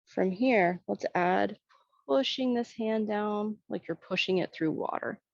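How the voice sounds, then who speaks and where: Serene, slow-paced woman guiding tai chi. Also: medium pitch, creaky, dry recording, muffled recording. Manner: serene, soothing, unhurried tai chi cueing. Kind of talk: gentle guided movement cues.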